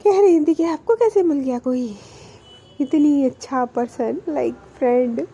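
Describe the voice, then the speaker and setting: Pouty jealous young woman, a woman voicing her, high pitched, mellow, storybook. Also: unhurried, dull audio. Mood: sulky. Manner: sulky, pouting.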